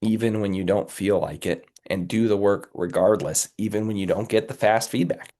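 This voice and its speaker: A man with a cold and a raspy voice, a company executive giving earnest, motivational answers as a guest in an interview, often checking in with "right?". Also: on the low side, moderate pace, mellow. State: has a cold, under the weather.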